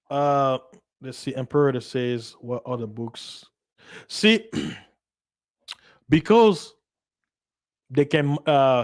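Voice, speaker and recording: Speaking at medium pitch, a male livestream host from Central Africa addresses his audience in an offhand yet emphatic monologue. Lingala is his mother tongue, and his delivery keeps repeating itself, restarting and posing rhetorical questions.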